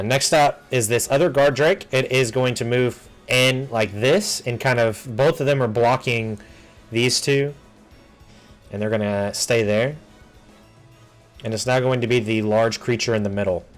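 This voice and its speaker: A man narrating a tabletop game as game master, unhurried and loose, often pausing with ums and uhs. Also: medium pitch, steady tone, faint music behind.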